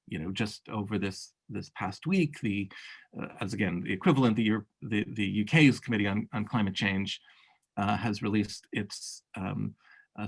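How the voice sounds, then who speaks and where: A man speaking as a workshop panelist in unscripted policy talk, halting, with many fillers and restarts. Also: on the low side, vocal fry, breathy edge.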